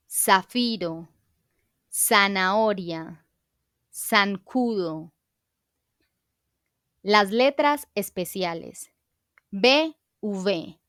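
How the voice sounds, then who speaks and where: A woman teaching pronunciation, reading letters, syllables and single words slowly and clearly with a pause after each one. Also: medium pitch, bright, forceful tone, dry recording, clean studio sound. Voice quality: crisp, careful enunciation with pauses between words. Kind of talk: slow, clear word-by-word pronunciation drill.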